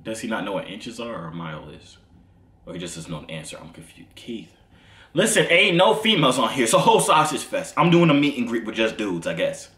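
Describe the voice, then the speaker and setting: A man's voice: lowish voice, very animated, brisk, a bit bright. An American man in his twenties chatting casually and teasingly with strangers in a small indoor room. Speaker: YouTuber host. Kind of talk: casual chat with strangers, asides to viewers. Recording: echoey room, faint noise.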